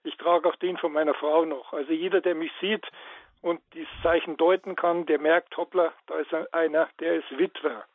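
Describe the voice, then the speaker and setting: A man's voice: a little high, steady tone, moderate pace, no room sound. A man calling in to a radio show, earnest and hesitant, with many fillers. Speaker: caller. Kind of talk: phone-in call. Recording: tinny dry phone line.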